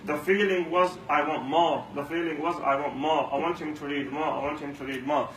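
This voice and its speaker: In a Ramadan talk at a mosque, this male speaker uses a fairly high, steady, slightly bright voice and a brisk pace. He tells stories and repeats phrases to stress them; the room echoes, the mic is far away, and a faint hum is audible.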